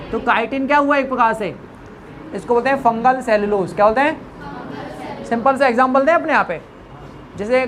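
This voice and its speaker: A fairly high-pitched woman teaches biology to a classroom, with a bit of hiss or hum in the audio. She repeats her questions so the students answer in unison, mixing the drilling with informal jokes.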